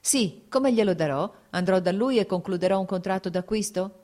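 A woman's voice: medium pitch, moderate pace, a little mellow, pitched above the performer's own voice, natural voice. A woman voicing an earnest, brooding male landowner who argues his point in an audiobook reading. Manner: earnest, argumentative.

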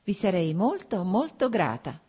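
A woman's voice: mid-range voice, very animated, a little slow, warm tone, breathy edge, voice pushed up. A woman reading aloud, voicing a proud, wounded young noblewoman who speaks insistently and with emotion. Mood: polite, lively.

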